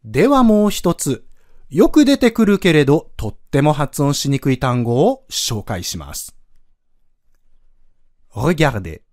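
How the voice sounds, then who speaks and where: A man's voice: a little high, big pitch swings, a little slow, a little mellow, no echo, studio quality. A man teaching a pronunciation lesson on a podcast, explaining patiently step by step and demonstrating sounds aloud. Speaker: French language teacher.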